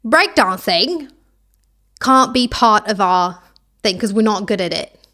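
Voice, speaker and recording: A woman's voice: medium pitch, expressive, measured pace, bright, forceful tone. A woman putting on a bad mock-Australian accent for indignant schemers, huffy and overdone. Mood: scheming.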